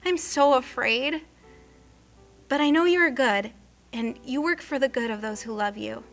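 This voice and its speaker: Brief: devoted young husband on a hard journey, earnest and prayerful; a woman narrator reads him in a high, bright voice. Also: measured pace. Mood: anxious prayer. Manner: earnest, prayerful inner monologue. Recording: faint music underneath.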